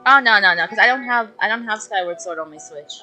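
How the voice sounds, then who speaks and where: A woman's voice: mid-range voice, fast talker. A woman streaming a video game, chatting casually and playfully with a friend. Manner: chatty, giggly, lively. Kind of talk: casual live-stream chat. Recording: voice over loud game music.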